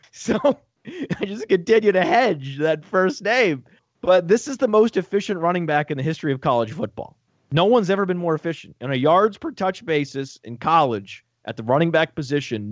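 A man talking fantasy football on a casual sports podcast, excitable and joking, with profane rapid asides. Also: a little high, no echo. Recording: dull lo-fi dry audio.

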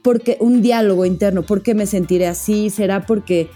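A woman's voice: mid-range voice, normal speed, dark tone, faint music behind. A woman expert, explaining with emphasis and reassurance in a podcast interview, often saying "o sea". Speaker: child psychologist guest.

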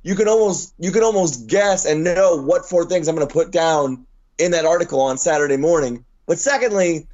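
Gravelly, hoarse man talking sports. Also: fairly high pitch, moderate pace, darkish tone, highs cut off. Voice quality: gravelly, rough smoker's voice. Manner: self-deprecating. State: hoarse, worn out from lack of sleep. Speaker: sports writer and podcast panelist. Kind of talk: casual sports talk.

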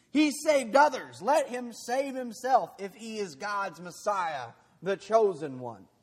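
A man preaching a sermon as a pastor, talking conversationally, mocking in quoted voices and dropping quiet and heavy in his pauses. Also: high voice, long reverb tail.

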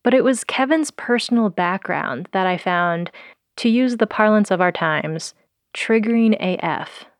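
This scripted audio documentary is narrated by its producer and host, a woman born in South Korea who grew up in the US. Her mid-range voice moves at a measured pace, sardonic and slangy with pop-culture references, and the studio-quality audio has no room sound.

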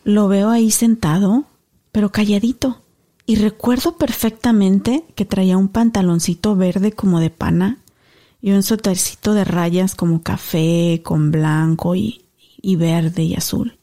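In her thirties, this woman co-hosts a podcast and tells a story in a casual way, speaking a little slowly in a mid-range voice. She's an animated storyteller who acts out the voices of the people in her tale.

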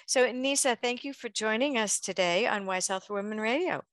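A woman's voice: a little high, a little fast, fairly bright tone, no room sound. A woman hosting a health radio show, leading a chatty interview.

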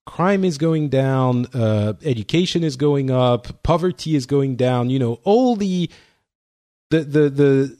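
A man hosting a casual panel chat, relaxed as he moderates and steers the talk. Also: mid-range voice. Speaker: podcast host.

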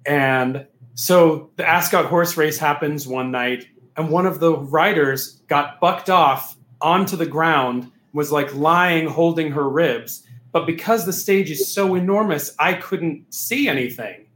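A man's voice: fairly high pitch, unhurried, few pauses, fairly bright tone, reverberant. A man, a stage actor, animatedly telling a backstage story in casual chat, laughing as he goes.

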